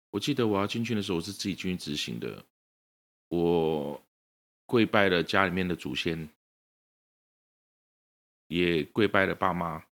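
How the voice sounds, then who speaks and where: A man, a guest calmly reflecting on his past. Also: sits low. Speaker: interview guest, former inmate.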